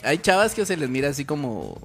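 A man's voice: on the high side, very animated, a little fast, fairly bright tone, faint music behind. A man with a Guatemalan Spanish accent co-hosting a live online show, chatting casually and joking with slang and frequent laughter. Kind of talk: casual chat.

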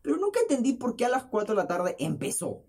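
His voice is husky and high-pitched, and he talks fast. A young man hosting his own show sits in his bedroom and tells jokey, self-deprecating stories with plenty of laughter in a loose, rambling monologue, recorded close up on the camera's built-in mic.

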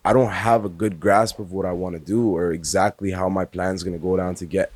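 A man's voice: sits low, fairly even intonation, a little fast, a little mellow, dry recording. A man in his early twenties, a podcast guest talking casually and earnestly, full of "like" and "bro". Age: 20s. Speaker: podcast guest, music industry worker.

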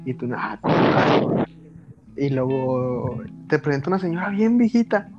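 A man's voice: medium pitch, expressive, normal speed, a little mellow. A young man, chatting with friends on a call and acting out imagined scenes and their quotes. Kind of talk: casual chat among friends on a call. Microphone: video call. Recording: dull lo-fi call audio. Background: guitar music.

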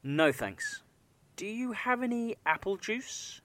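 Woman doing polite male customer, slow textbook dialogue, bright lively tone. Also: medium pitch, no echo. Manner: slow, careful model-dialogue delivery. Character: male customer Ben ordering food in a dialogue.

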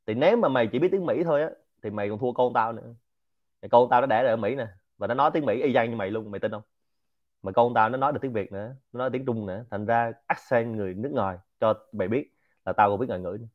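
A man from central Vietnam with a Quảng Nam accent, giving an informal business lecture in an animated, rhetorical way and often asking the audience to agree. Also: medium pitch, quick pace, lo-fi sound. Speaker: lecturer and host of a Q&A show.

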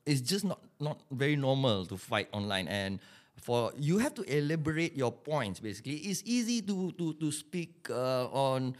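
A man's voice: medium pitch, animated, moderate pace, hardly any pauses. Malaysian man in colloquial Singlish-style podcast chat.

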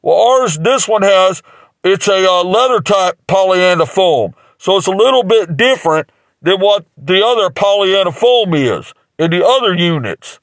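High-voiced rambling man. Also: expressive, measured pace, dry recording. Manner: rambling, crude jokes, many fillers. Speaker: comic playing a mattress salesman. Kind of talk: improvised mock infomercial interview.

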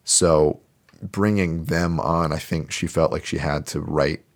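With a bass voice and fairly even intonation, a male podcast co-host takes his time, talking at a measured pace. His movie review wanders casually and is packed with filler words.

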